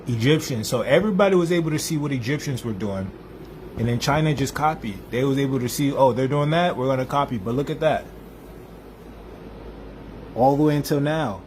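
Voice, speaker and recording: A man's voice: mid-range voice, lively intonation, a little fast, pauses often, darkish tone, slight background noise. Laid-back man explaining a chart, slangy. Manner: loose, conversational, slangy. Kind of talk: casual talk over a chart.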